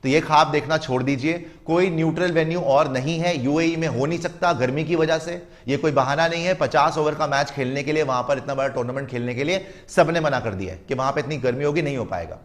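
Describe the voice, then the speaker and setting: A man's voice: fairly high pitch, fairly quick, few pauses. A man giving opinionated, emphatic cricket commentary, lecturing his listeners and mocking the other side.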